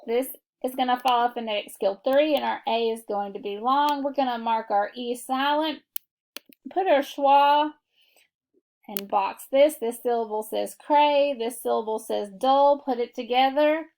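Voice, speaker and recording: A woman teaching a phonics lesson, walking through syllable marking step by step in a deliberate classroom manner. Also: fairly high pitch, a little mellow. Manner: slow, deliberate classroom instruction. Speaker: reading teacher.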